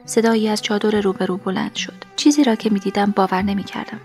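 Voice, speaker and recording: Woman, audiobook narrator, first-person story, soft half-whispered reading, mid pitch. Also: fairly even intonation, soft background music.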